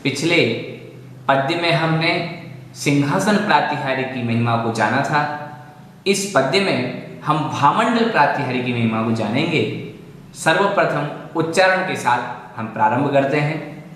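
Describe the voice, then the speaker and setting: A man teaching a scripture recitation class, explaining pronunciation slowly and chanting verses. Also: fairly high pitch, animated, fairly bright tone, slight background noise. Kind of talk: online recitation lesson. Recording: echoey hall with long reverb.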